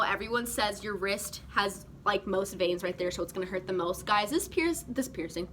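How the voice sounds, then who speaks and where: A young woman from California chatting casually to camera as a vlogger, animated and full of "like" and "guys". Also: medium pitch, slight background noise.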